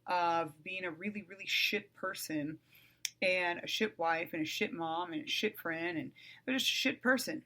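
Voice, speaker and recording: This is a woman in her forties from the United States, talking alone into the mic on her podcast. Her voice is bright and forward. She speaks bluntly, swears without a second thought, and repeats herself to drive a point home. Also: lowish voice, moderate pace. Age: 40s. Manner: blunt, swears freely, repeats phrases for emphasis. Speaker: podcast host. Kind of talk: casual solo podcast monologue.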